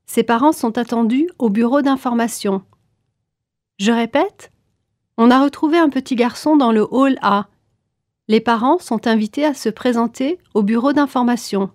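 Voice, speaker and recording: A woman with a fairly high voice delivers formal airport announcements for passengers. Her articulation is clear, and the recording is close and fairly dry, with little room sound. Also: moderate pace, a little mellow, no room sound. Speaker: announcer in a listening exam. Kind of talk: scripted airport public announcement.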